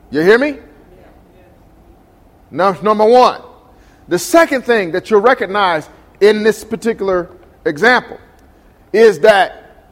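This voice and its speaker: Man, high pitch, pastor, preaching to a congregation, calls out questions, echoing sanctuary. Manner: call-and-response preaching, asks the congregation questions. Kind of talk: sermon. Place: church sanctuary.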